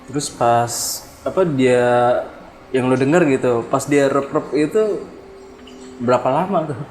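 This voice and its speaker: A man's voice: medium pitch, unhurried, a little mellow, slight background noise. Chatty man, roomy echo. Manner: chatty, prompting, laughs easily. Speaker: podcast host. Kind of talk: casual chat. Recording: roomy echo, reverb, music bed.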